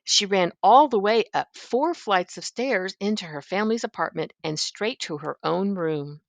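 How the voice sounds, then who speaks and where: An older woman reading a children's story aloud in an expressive, gentle, grandmotherly manner. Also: medium pitch, moderate pace, creaky, no echo. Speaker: storybook reader.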